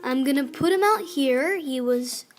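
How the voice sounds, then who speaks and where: Young girl gamer, high pitch, chatty game commentary, faint clarinet music behind. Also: lively intonation, measured pace. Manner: chatty, scolding her game villagers. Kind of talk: casual gameplay commentary.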